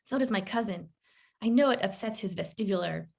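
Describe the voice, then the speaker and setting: A woman's voice: medium pitch, a little fast, creaky, a little mellow. A woman reading an earnest young man. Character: earnest eager young Burmese-American male doctor.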